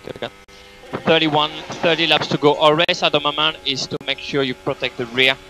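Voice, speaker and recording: A man's voice: on the high side, fairly even intonation, brisk, poor audio. A man working as race engineer, giving terse, repetitive, clipped instructions over race car team radio. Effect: team radio transmission.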